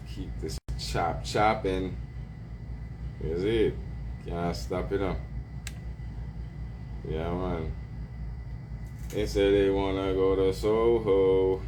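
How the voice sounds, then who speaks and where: Unhurried man shouting out livestream viewers. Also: low voice, noisy background. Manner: greets viewers by name with slang shout-outs; laughs often, drawn-out words. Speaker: livestream host. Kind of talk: casual livestream chat.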